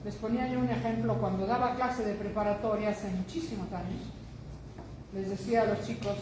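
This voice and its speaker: An older woman giving an academic lecture, emphatic, asking rhetorical questions and repeating phrases for effect. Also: a little high. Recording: noisy echoey room.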